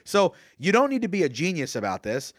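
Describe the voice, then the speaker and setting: A young man in casual podcast talk, with a fairly high voice and a dry, close sound. He gets animated, acts out the people he quotes and laughs a lot. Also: brisk, no room sound. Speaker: podcast co-host. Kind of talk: casual chat.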